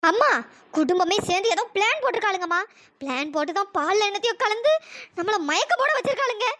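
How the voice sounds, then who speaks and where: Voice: very animated, fast, fairly bright tone, full character voice. A voice actor doing an indignant young cartoon woman. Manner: indignant, accusing. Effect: pitch-raised voice processing. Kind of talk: cartoon storytelling voice acting.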